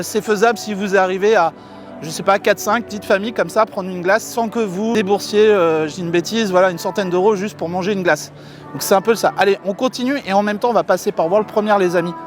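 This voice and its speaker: A middle-aged man chatting to viewers as his friends while walking through a theme park for his vlog, filmed on a handheld camera. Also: high-pitched. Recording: outdoor crowd and faint music behind.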